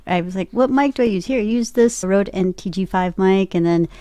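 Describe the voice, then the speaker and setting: Her voice is warm and medium in pitch, moving at a moderate pace in a dry recording. She is a voice actor and podcaster being interviewed casually as a guest. Personal stories fill her talk, and she often quotes what went through her head.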